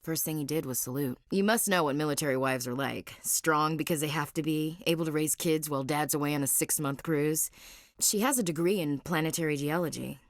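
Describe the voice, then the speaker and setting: A woman's voice: low voice, a little fast, dry recording, studio quality. An actress voicing a frank, wry young woman soldier in a video game, plain-spoken and devout. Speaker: marine gunnery chief. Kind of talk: video game character dialogue.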